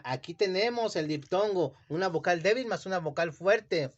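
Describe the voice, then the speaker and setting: A man teaching children a lesson, speaking slowly and carefully and stretching words out syllable by syllable. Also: high voice, lively intonation. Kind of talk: classroom lesson explanation. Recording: dull lo-fi sound.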